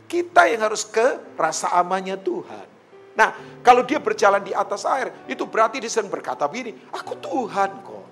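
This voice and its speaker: A middle-aged man preaching a sermon, animated and often addressing the congregation directly. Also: high voice. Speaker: pastor.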